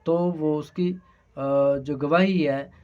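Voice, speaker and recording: Speaking very slowly in a fairly high, steady voice, a Pakistani-accented man delivers an explanatory law lesson. He hesitates and repeats phrases as he lectures, and the audio sounds dull and lo-fi.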